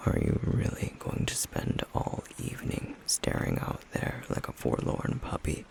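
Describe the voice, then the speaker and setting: With slight background noise, a man lightly acts a stoic, guarded flame demon in an intimate ASMR roleplay. He keeps to a breathy, gravelly murmur, terse and deadpan, sounding gruffly caring.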